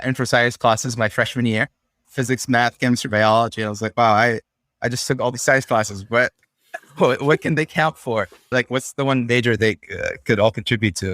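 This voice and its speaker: A young man from Syria, a podcast guest, talking through ideas in a relaxed, thoughtful way with frequent fillers. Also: lowish voice, no echo, clean studio sound. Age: young adult. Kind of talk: casual conversational interview.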